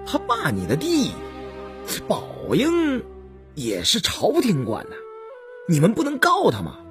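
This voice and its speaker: A man's voice: high voice, huge pitch swings, takes it slowly, over music, voice pushed up, heavily acted. A man doing a breezy, easygoing prince.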